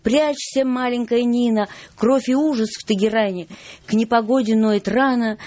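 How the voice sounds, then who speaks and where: A woman's voice: a little high, steady tone, moderate pace, warm tone, no room sound. A woman guest on a radio show, chatting with dry jokes and reading a poem aloud.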